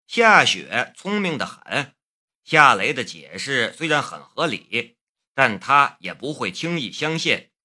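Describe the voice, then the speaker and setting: Male audiobook narrator, unhurried, very expressive pitch. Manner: measured storytelling. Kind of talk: scripted narration.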